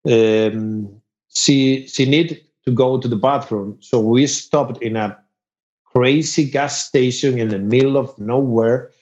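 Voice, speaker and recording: A rock musician from Spain with a Spanish accent, spinning a casual anecdote in halting, animated English and laughing between lines. His voice sits in a middle pitch, and the recording sounds dull and lo-fi. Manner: animated, laughs through the story, halting non-native grammar.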